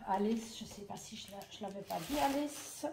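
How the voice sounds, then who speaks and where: A woman's voice: mid-range voice, little pitch movement, fairly quick, vocal fry, noisy background. A woman chatting hesitantly in a craft haul vlog, full of fillers and gushing over cute items. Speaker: scrapbooking haul vlogger. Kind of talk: casual show-and-tell chat.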